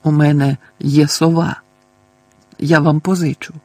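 A man's voice: a little high, level tone, unhurried, mellow, dry recording. A male audiobook narrator voicing a frantic, cranky old woman who fusses and screeches. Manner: screeching, bossy, fussing.

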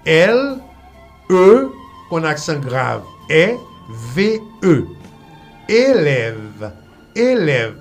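A man teaching French pronunciation in a lesson, repeating and spelling out words slowly for the listener. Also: a little high. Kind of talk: language lesson.

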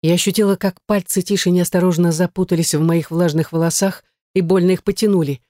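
A woman reading a first-person novel aloud in a dramatic, expressive way, close to the mic. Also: fairly low pitch, brisk, dry recording. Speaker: audiobook narrator.

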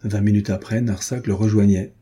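A man narrating a nineteenth-century novel as an audiobook reader, raising his pitch for the characters' dialogue. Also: steady tone, normal speed, mellow, slightly rough.

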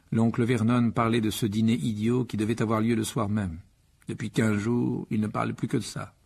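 Gravelly male audiobook narrator. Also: on the low side. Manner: expressive storytelling.

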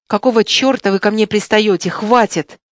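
A woman reading an audiobook, voicing a proud, hot-tempered young male truck driver who speaks low, clipped and contemptuous. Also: fairly even intonation, moderate pace, no room sound, clean studio sound, close to an everyday voice. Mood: angry.

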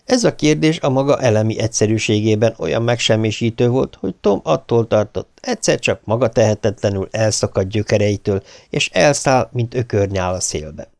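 A man's voice: on the low side, lively intonation, creaky, hardly any pauses, a little mellow, no echo, clean studio sound. A man narrating an audiobook in a dramatic way, voicing the characters. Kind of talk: scripted narration.

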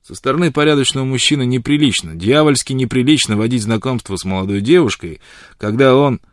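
Storybook figure: loud blunt old woodsman, read by a man, dry close sound. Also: medium pitch, lively intonation, fast, no room sound, pitched above the performer's own voice, lightly acted. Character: gruff old frontiersman, blunt and devoted.

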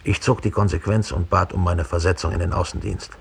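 A male actor with a low, gravelly, husky voice plays a proud former Nazi killer in a 1960s German radio play. Heavily acted and steady in tone, his confession drips with deliberate disdain, cold and detached.

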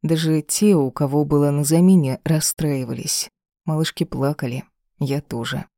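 A woman's voice: low voice, fairly even intonation, normal speed, dark tone, no echo, clean studio sound. Woman reading an emotional story. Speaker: audiobook narrator. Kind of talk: scripted first-person narration.

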